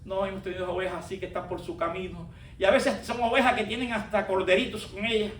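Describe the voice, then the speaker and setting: High-voiced preaching man in echoey room. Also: flat delivery, a little hiss or hum. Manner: preaching with emphatic pauses. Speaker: pastor. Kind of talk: sermon. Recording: roomy echo from a distant mic.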